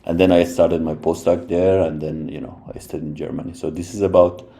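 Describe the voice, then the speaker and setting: Low mellow-voiced man, reflective. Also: level tone, fairly quick, gravelly. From Iran. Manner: thoughtful, many restarts and "right?" tags. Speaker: guest, robotics professor. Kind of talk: casual interview talk.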